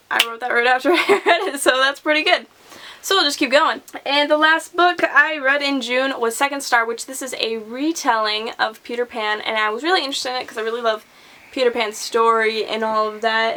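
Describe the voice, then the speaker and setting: Young woman, bright high voice, chatty rambling book talk, lots of fillers. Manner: chatty, rambling, frequent "like" and restarts. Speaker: book vlogger. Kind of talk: casual book review chat.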